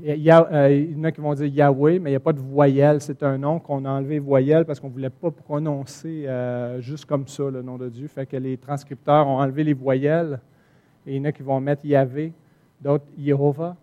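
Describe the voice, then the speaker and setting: A man with a Quebec French accent preaching a sermon, swinging from soft asides to loud, emphatic points. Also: mid-range voice, level tone, normal speed, muffled recording. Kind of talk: sermon teaching from the Bible.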